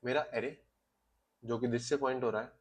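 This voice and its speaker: Male coding tutor, mid-pitched, steady step-by-step explainer, Hindi with English terms. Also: normal speed. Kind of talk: casual screen-recorded coding lesson.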